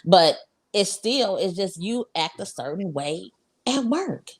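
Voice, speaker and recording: A woman's voice: medium pitch, big pitch swings, slow, slightly rough. A woman in her forties talking in a casual podcast chat, firm and matter-of-fact. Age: 40s.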